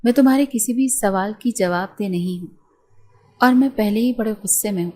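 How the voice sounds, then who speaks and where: A woman voicing an angry, sharp-tongued young woman doctor who scolds with scorn. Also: mid-range voice, close to an everyday voice.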